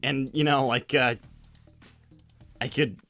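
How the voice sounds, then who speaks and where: A young cartoon hedgehog hero played by a man, with a bright, forward voice in a very dry recording. He is easygoing and unsure of himself, talking in a halting, casual slacker drawl as if improvising on a livestream. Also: medium pitch, fairly even intonation, no room sound, faint music behind. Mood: flattered, hesitant. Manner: hesitant, casual slacker drawl with many likes. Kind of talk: improvised in-character livestream chat.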